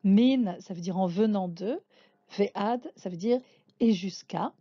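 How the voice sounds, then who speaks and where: Slow, patient woman teaching a lesson. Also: medium pitch, mellow, breathy edge, no room sound, highs cut off. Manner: patient, spells out letters one by one. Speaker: Hebrew teacher.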